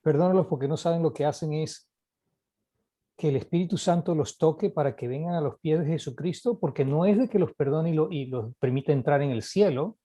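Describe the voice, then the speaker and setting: A man's voice: on the high side, brisk, warm tone. A man taking part in a Bible study, asking questions and arguing his point. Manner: inquisitive, argues his point.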